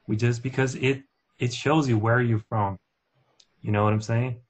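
A Brazilian man with a Portuguese accent, talking in a relaxed, easygoing way on a casual podcast. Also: medium pitch, moderate pace. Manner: relaxed, easygoing, filler-heavy. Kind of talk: casual group chat.

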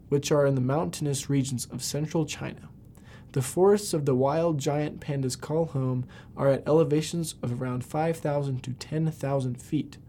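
A man narrates scripted podcast facts in a somewhat high, relaxed and mellow voice. He reads aloud and now and then stumbles on a word. A faint low rumble sits behind him. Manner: reading aloud with occasional stumbles. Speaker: podcast host.

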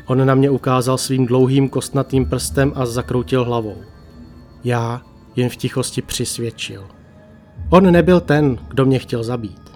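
A man reading a first-person horror story aloud, slow and hushed, with long dramatic pauses. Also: medium pitch. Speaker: narrator. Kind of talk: creepypasta narration. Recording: faint music bed.

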